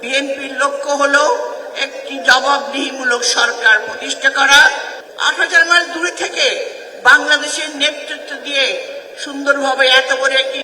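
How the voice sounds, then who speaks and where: A woman giving a forceful, repetitive political speech at a rally. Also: high voice, steady tone, moderate pace. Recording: echoey hall, mic far off.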